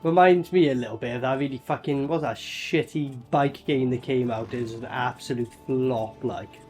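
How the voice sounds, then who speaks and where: A man's voice: mid-range voice, normal speed. Sweary British man giving reaction commentary. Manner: crude, sweary, mocking. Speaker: host reacting to an old TV show. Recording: TV show audio and music behind.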